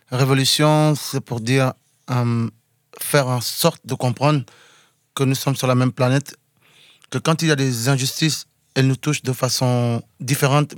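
A man's voice: medium pitch, steady tone, normal speed, no echo, studio quality. A man from Senegal, a musician guest, talking earnestly in an interview and slipping into English now and then. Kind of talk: casual interview talk.

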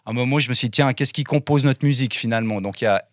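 A man's voice: medium pitch, rapid-fire, dry recording. A man from Switzerland, a musician guest, talking casually in an interview and rambling through lists with many fillers.

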